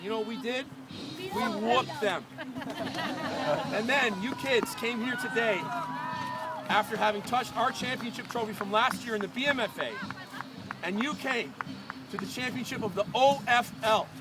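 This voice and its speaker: A man's voice: extremely high pitch, normal speed, pauses often, over a noisy crowd. A man coaching youth football, giving an emphatic, rallying post-game speech to his team outdoors. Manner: emphatic, rallying, addressing a group. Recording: very noisy outdoor recording.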